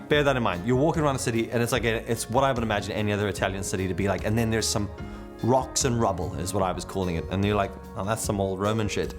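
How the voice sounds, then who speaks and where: Laid-back man, lower voice. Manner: laid-back, swears freely, chuckles through anecdotes. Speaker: travel vlogger. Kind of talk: casual travel storytelling.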